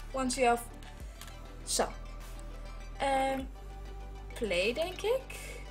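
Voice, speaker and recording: A woman's voice: high-pitched, a bit bright. A woman giving casual, swear-heavy commentary while playing a computer game at home, chatting to her viewers and dropping in English phrases. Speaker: gaming video host. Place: indoors at a computer, wearing headphones.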